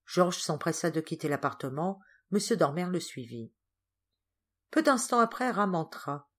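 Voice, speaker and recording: A woman narrating a classic novel as an audiobook reader, expressive and dramatic. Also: fairly low pitch, moderate pace. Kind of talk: scripted narration.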